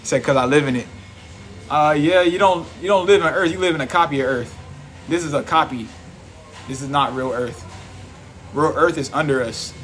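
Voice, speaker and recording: A man's voice: on the high side, moderate pace, long pauses, a bit bright, slight background noise. Preachy man talking on a livestream. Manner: preachy, repetitive, laughs often. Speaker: livestream host. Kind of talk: casual live-stream monologue.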